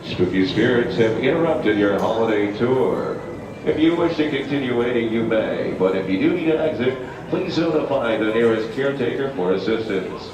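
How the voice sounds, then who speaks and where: Polite male ride announcer heard over loudspeakers from far off. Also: mid-range voice, lively intonation, moderate pace. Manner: formal, polite. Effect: played through loudspeakers. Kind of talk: recorded safety announcement. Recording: echoey distant loudspeaker with noise.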